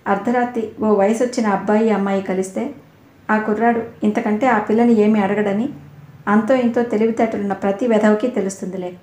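A woman's voice: mid-range voice, fairly even intonation, fairly quick, dark tone, reverberant, close to an everyday voice. A woman voicing a stern, sarcastic male tutor in an audio novel, probing with pointed questions.

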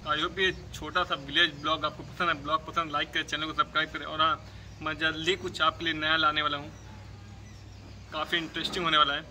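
A man's voice: fairly high pitch, little pitch movement, fast talker, low-quality recording. A young man giving a casual running commentary for his village vlog while riding and shopping outdoors. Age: young adult. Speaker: vlogger. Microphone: camera at arm's length. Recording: loud street noise behind.

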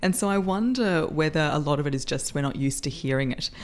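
Middle-aged woman voice coach, upbeat interview guest who laughs often, lowish voice. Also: brisk. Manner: lively, laughs often, self-deprecating. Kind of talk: podcast interview.

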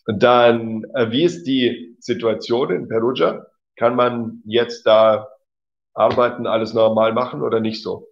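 A man's voice: medium pitch, steady tone, a little slow, vocal fry. A man teaching German in a casual livestream, reading out viewer comments, correcting them and laughing easily. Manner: chatty, reads out and corrects comments, laughs often. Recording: slightly dull lo-fi audio.

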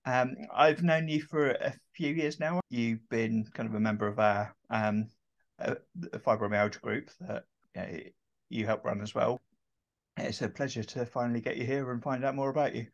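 A middle-aged man hosting an interview from home over a video call, talking hesitantly with many pauses and restarts. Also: medium pitch, fairly even intonation, lo-fi sound. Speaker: host. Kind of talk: casual interview chat. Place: home room with shelves. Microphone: video call webcam.

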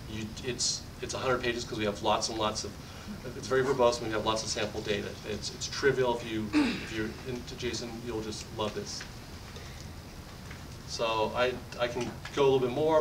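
Thirties male presenter, eager sales-demo patter, middle pitch, distant podium mic with rumbling room noise. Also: steady tone. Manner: fast, enthusiastic sales pitch with frequent restarts. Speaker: tech company presenter. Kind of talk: conference product demo. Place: meetup conference room. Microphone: podium mic from far camera. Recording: distant roomy audio with rumble.

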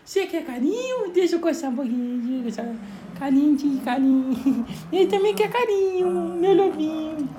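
A woman with a Brazilian Portuguese accent baby-talking to her dogs, cooing in a sing-song way with long drawn-out sighs. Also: sits high, mellow, reverberant, slight background noise. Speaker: pet owner filming her dogs. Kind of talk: baby-talk to pets.

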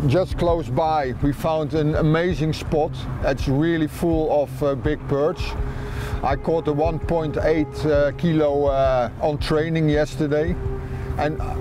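Slightly high-voiced man from the Netherlands. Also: background noise. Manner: hesitant, many fillers. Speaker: competitor. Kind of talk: casual interview. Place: outdoors on a dock by a boat.

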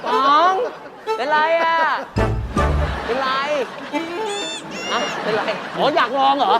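A game show participant bantering excitedly, urging others on with short repeated exclamations. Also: high-pitched, slow. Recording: loud music and crowd behind. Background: loud music and a noisy crowd.

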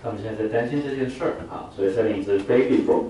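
A man's voice: lowish voice, fast talker, mellow. A man giving a classroom vocabulary lecture, explaining with frequent "啊" fillers and leading the class in repeating words. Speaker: English vocabulary teacher. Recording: echoey room from far off, faint noise.

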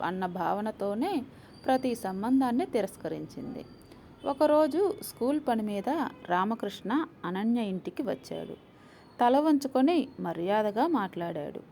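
A woman narrating a short family story in a calm, measured storytelling voice. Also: fairly high pitch, slight background noise.

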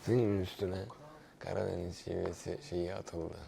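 A man's voice: low voice, little pitch movement, moderate pace, vocal fry, crowd noise. A man in casual chat, speaking bluntly and emphatically. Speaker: reality show contestant.

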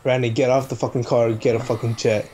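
Swearing man yelling during a game. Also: medium pitch, level tone, quick pace. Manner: loud swearing, panicky outbursts. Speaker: gamer. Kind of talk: casual gaming chat with a friend.

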